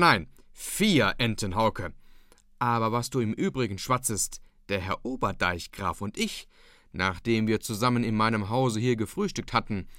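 Male reader doing a bear-voiced old dike reeve, blustery and loud, raised pitch, lively, dry sound. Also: dry recording. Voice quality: booming bear-like voice. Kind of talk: audiobook reading.

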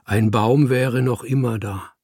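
A man's voice: medium pitch, steady tone, measured pace, darkish tone, slightly rough, no room sound, clean studio sound. A man voicing a naive young tomcat who asks simple, eager questions in a storybook reading. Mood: earnest. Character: naive young tomcat, earnest and literal-minded.

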